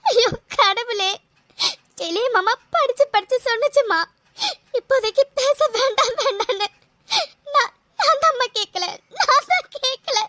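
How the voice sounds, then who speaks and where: A heartbroken young woman played by a woman pleads through tears in a cartoon drama. Her voice is very high-pitched. It is recorded close and dry, with no room sound. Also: normal speed, fairly bright tone, dry recording. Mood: tearful. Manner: tearful, pleading. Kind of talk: cartoon voice acting.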